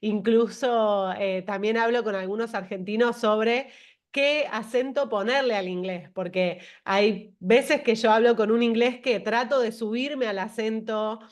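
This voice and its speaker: A woman's voice: fairly high pitch, steady tone. A woman hosting an interview in a chatty, playful way. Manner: chatty, playful, quick to laugh. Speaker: interview host. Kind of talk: casual interview chat.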